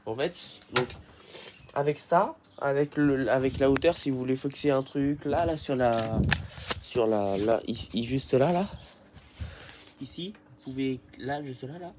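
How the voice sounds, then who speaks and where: There's background noise as a man with a head cold, who makes bike repair tutorials, walks through a repair in an unhurried, medium-pitched voice. He's casual and hesitant, rambling with many fillers and restarts.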